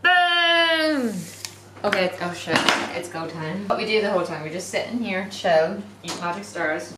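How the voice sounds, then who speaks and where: A woman's voice: medium pitch, animated, normal speed, heavy background noise. A young Irish woman and makeup artist, chatting upbeat to a handheld camera in a vlog, laughing often. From Ireland. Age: young adult. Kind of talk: casual vlog chat to camera.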